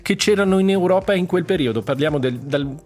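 A man co-hosting a radio show, explaining a story in a measured way with hesitant fillers. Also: high voice, animated, darkish tone. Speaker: radio co-host. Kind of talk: news item in casual radio chat.

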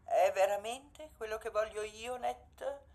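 A woman's voice: on the high side, slow, vocal fry, darkish tone, full character voice. Maria, a scheming old mother. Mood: soothing. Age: older. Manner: theatrical, swooping, drops to whispers. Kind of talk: radio drama acting.

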